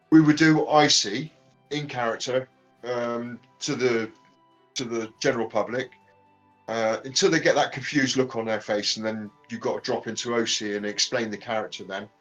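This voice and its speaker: A man chatting casually as a podcast guest, halting often with ums and restarts. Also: medium pitch, fairly bright tone, low-quality recording. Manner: hesitant, many ums and restarts. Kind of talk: casual chat.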